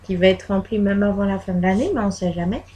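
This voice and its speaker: A woman's voice: medium pitch, quick pace, dark tone, husky, poor audio. A woman presenting her postcard collection in a casual video, talking hesitantly with many fillers, recorded on a laptop microphone at home. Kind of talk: casual show-and-tell. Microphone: laptop built-in microphone.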